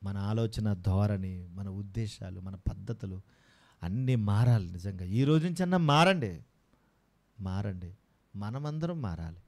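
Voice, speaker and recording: A man's voice: lowish voice, animated, measured pace, vocal fry, darkish tone. A man preaching a sermon with passion, firing rhetorical questions at his congregation.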